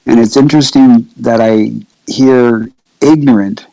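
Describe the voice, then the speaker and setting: Slow, gravelly man reasoning it out. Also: medium pitch, fairly even intonation, dark tone, no room sound, poor audio. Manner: measured, methodical reasoning. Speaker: roundtable guest. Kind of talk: casual discussion. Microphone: video call.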